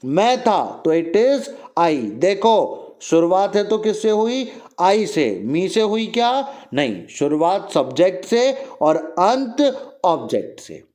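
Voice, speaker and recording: A man with an Indian accent teaches English grammar, his voice sitting high for a man. He talks at an unhurried pace, repeats his own questions to the class and answers them, and draws out each English example sentence word by word. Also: sing-song, darkish tone. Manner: reads English example sentences slowly and deliberately.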